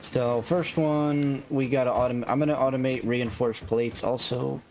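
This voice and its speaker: During a live stream of a factory-building game, a man chats and reasons aloud in a relaxed, rambling style. His voice is soothing, mid-range, and darkish, with fairly even intonation and a moderate pace. Clear background noise accompanies him.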